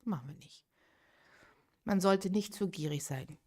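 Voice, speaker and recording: On a live game stream, a woman in her late thirties chats casually, thinking aloud and responding to viewers' chat. Her voice is lowish and mellow, and she takes her time.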